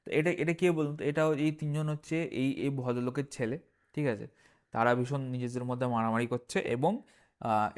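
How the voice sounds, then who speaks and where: A man's voice: mid-range voice, darkish tone. A man teaching from a primary school textbook in a casual recorded lesson. He reads lines aloud, explains with frequent "ah" fillers, keeps asking "okay?" and corrects himself as he goes. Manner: self-corrects page numbers aloud.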